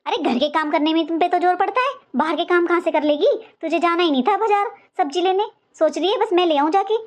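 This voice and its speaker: A woman voicing a sharp-tongued older mother-in-law in a cartoon, taunting and sarcastic in every line. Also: very high-pitched, quick pace. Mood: sarcastic scolding. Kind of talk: cartoon voice acting.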